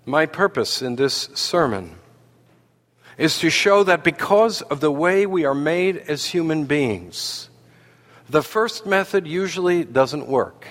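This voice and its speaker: A man delivers a sermon in a deliberate, unhurried cadence, his voice sitting a touch higher than most men's. Long reverb trails each phrase, as if spoken from the front of a large church hall. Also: expressive, a bit bright. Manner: slow, deliberate preaching with dramatic pauses and quoted voices. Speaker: preacher.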